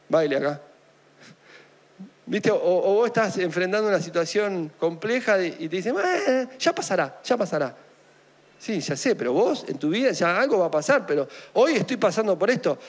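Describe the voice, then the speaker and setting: A male pastor with an Argentine accent, preaching a conversational sermon full of asides, jokes and rhetorical questions. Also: sits high. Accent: Argentine Spanish.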